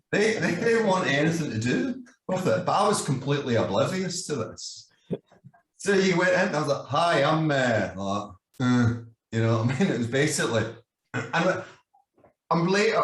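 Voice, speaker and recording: A man's voice: mid-range voice, far from the mic. A Scottish man in his fifties with a Glasgow accent, telling a story as a guest in a casual, sweary chat and laughing often. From Scotland. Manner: sweary, laughs often, keeps saying "you know what I mean". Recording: roomy sound from away from the mic.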